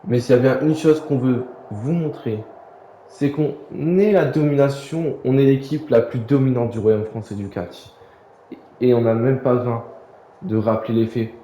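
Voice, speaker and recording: A man's voice: medium pitch, moderate pace, dark tone, roomy sound, a little hiss or hum, close to an everyday voice, poor audio. A man voicing an arrogant female tag team wrestler, boasting in a wrestling game promo. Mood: boastful. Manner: boastful, insulting.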